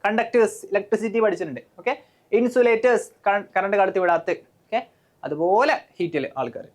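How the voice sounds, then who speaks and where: A woman's voice: medium pitch, brisk. A woman teacher with a Malayali accent, coaching students for an exam, explaining step by step with frequent "okay" and questions to the class. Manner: mixes English terms into Malayalam.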